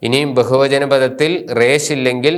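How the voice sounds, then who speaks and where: A man with a Malayali accent, a priest teaching a slow grammar lesson who spells out letters and terms one at a time and repeats each term. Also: medium pitch, fairly even intonation, clean tone.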